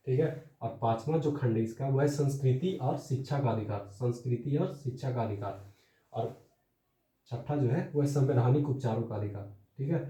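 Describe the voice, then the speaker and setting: Young male tutor, patient and repetitive, dark mellow tone, echoey room sound. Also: mid-range voice. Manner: explanatory, many fillers and tag questions. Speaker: teacher. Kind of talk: exam-prep lecture. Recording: echoey room, voice distant from mic.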